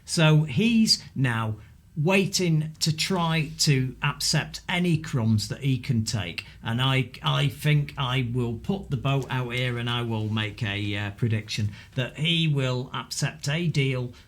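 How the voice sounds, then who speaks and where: A man's voice: medium pitch, slow. A man with a Mancunian accent co-hosting a political podcast, blunt and argumentative as he rants about the news. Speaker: podcast co-host. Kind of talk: political opinion chat.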